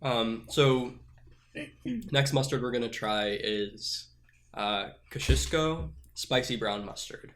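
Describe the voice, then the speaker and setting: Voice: mid-range voice, animated, slow, a bit bright. A podcast host in casual chat who leads the show and tosses in dry, teasing quips.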